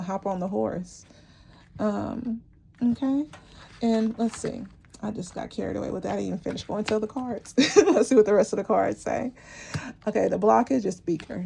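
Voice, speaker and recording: Speaking straight to her viewers, a tarot reader gives an intuitive, rambling and encouraging reading, often restarting sentences. Her medium-pitched voice is mellow, dark and gravelly, and it is growing hoarse as she frequently clears her throat.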